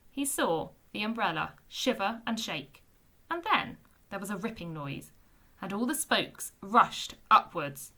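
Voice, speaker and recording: A woman, a teacher, reading a children's book aloud with expressive storytelling. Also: medium pitch.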